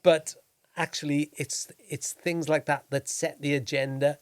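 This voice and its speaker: Slightly high-voiced man talking football. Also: little pitch movement, no echo. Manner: measured, thinks aloud with many "uh"s. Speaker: podcast host, commentator. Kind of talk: casual football chat.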